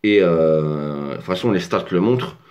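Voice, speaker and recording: Deep-voiced french guy chatting about a fight from his desk, lots of euh and restarts. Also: animated, normal speed, darkish tone, dull audio. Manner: rambling, many fillers and restarts. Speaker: MMA fight commentator. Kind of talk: casual solo fight breakdown. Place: home desk.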